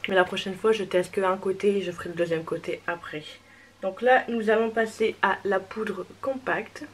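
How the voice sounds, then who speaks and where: A woman's voice: medium pitch, steady tone, moderate pace, a little hiss or hum, rough recording. A young woman chatting casually as she tests makeup and reviews it, hesitant and reassuring. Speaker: beauty vlogger.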